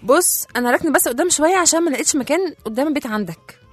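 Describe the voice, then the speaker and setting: Brief: Egyptian woman, teasing comic sketch voice, lively pitch swings, faint music underneath. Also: very fast, dry recording. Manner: teasing, sassy banter. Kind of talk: comedic sketch dialogue.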